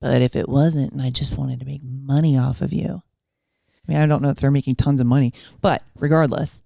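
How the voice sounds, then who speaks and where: A woman in her fifties with a low voice talks casually as a podcast co-host. She jokes at her own expense and laughs easily, and her voice sounds dry and close. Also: steady tone, brisk, creaky, mellow, no echo. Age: 50s. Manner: joking, self-mocking, laughs often. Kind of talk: casual chat.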